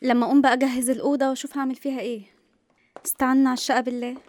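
A woman acts a lively, independent young Egyptian woman in a radio play. Her voice is high and extremely quick, recorded very dry. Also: no room sound, lightly acted. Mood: wry grumbling. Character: lively, sardonic, self-reliant young woman photographer. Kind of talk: radio drama acting.

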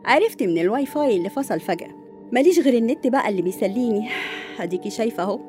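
Actress for a bossy Egyptian madam, animated and rapid, faint music. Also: female voice, a little high, lightly acted. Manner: bossy, refined, lively. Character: prim, lonely middle-aged lady of the house.

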